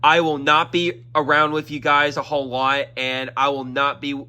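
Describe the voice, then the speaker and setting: Fairly high and smooth, this young man's voice is pushed and bright, with flat delivery at a normal speed. On his YouTube channel he gives a meandering, casual announcement, throat congested and interrupted by occasional coughs. He repeats himself often, returning to fillers such as "that is" and "y'all."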